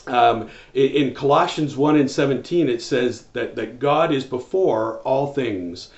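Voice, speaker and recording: A man's voice: mid-range voice, a little slow, a little mellow. Earnest man preaching in a roomy room. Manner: earnest, many restarts and fillers, gesturing hands. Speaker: pastor. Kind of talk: home church sermon to camera. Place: small room with wall shelves, indoors. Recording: roomy, slightly dull sound.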